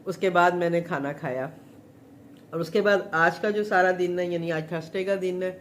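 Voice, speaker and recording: A home chef from Pakistan, a middle-aged woman, rambles chattily through a casual live chat streamed from her kitchen, using many fillers. Her throat is a little sore, her lowish voice moves at normal speed, and a faint room hum can be heard in the background.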